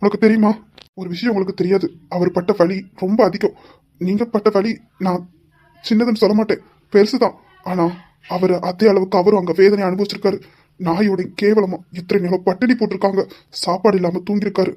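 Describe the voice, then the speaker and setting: A man voicing a calm, devoted young husband in an audio drama, gently reproachful as he explains himself at length. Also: sits high, brisk. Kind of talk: hobby audio drama acting.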